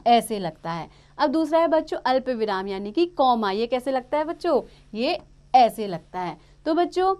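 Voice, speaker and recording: A woman teacher explaining a grammar lesson to young children, patient and step by step. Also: fairly high pitch.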